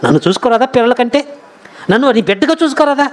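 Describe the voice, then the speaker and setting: A man's voice: very high-pitched, lively intonation, quick pace, voice pushed up. A man preaching a sermon voices a loving husband who tenderly pleads with his weeping wife. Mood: pleading. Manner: coaxing, pleading, affectionate.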